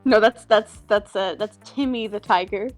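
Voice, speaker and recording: A woman's voice: mid-range voice, moderate pace, soft background music. A woman player chatting casually over a game, giggly and hesitant. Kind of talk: casual chat while gaming.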